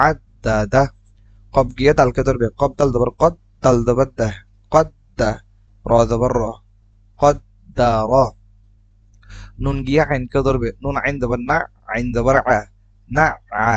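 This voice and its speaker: A man in a step-by-step recitation lesson, spelling out each letter and vowel mark before blending them into syllables. His voice sits at an ordinary middle pitch. It is recorded close and dry, with no echo of a room. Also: dull audio. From Bangladesh. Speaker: Quran reading teacher.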